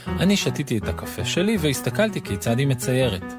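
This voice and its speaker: Expressive man reading a children's story. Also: medium pitch, over music. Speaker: narrator. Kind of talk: reading a children's book aloud.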